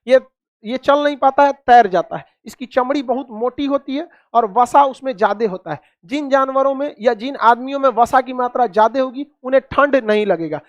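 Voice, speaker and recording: A man's voice: extremely high pitch, normal speed, dry recording, dull audio. A man teaching a class, quizzing students with repeated questions and cracking jokes. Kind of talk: classroom lecture with call-and-response.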